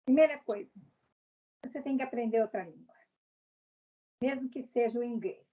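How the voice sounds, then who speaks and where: A woman's voice: fairly high pitch, normal speed, lo-fi sound, slight background noise. A woman from Brazil, a guest in a casual interview, speaking directly and explaining her views with examples.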